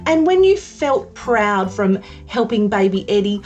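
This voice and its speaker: A woman's voice: mid-range voice, very animated, unhurried, a little mellow, dull audio, faint music behind. Singsong woman hosting for children. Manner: broad singsong children's-theatre delivery; gushing, encouraging. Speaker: children's podcast host. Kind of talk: children's show presenting.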